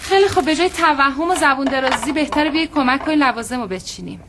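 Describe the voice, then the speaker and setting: High-voiced bossy wife, scolds nonstop, noisy traffic behind. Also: female voice. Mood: scornful. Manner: sharp-tongued, scolding. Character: sharp-tongued estranged wife, bossy and scornful. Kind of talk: TV series acting.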